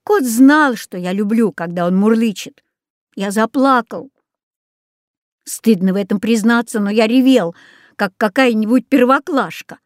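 A woman narrates a children's storybook with expressive reading. Her voice sits fairly high for a woman, and the sound is dry and close, with no room around it. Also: measured pace, no room sound. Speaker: audiobook reader.

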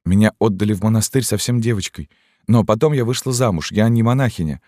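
A frightened young peasant mother answers in a timid, faltering voice, as a man puts her on. Her pitch is raised above the reader's deep register. The recording is dry and close. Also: animated, unhurried, dark tone, no room sound. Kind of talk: audiobook narration.

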